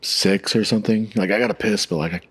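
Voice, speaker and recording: A man's voice: fairly low pitch, fairly even intonation, fast, a bit bright, slightly rough. A man co-hosting a podcast, chatting casually with short interjections. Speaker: podcast co-host. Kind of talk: casual chat, quick interjections.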